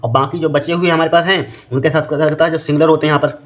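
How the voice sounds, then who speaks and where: A man teaching an exam-prep lesson who keeps asking and answering his own questions. He reads English exam questions aloud slowly, word by word. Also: on the high side, fairly even intonation, a bit bright. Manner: repeats "here" and "okay" constantly, asks and answers his own questions.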